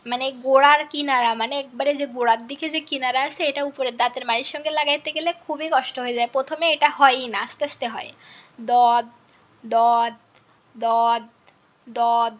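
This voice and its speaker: A woman's voice: high voice, fairly even intonation, fast talker, few pauses, fairly bright tone, dull audio. A woman teaching an online class, patiently explaining how to pronounce each letter and repeating every sound many times.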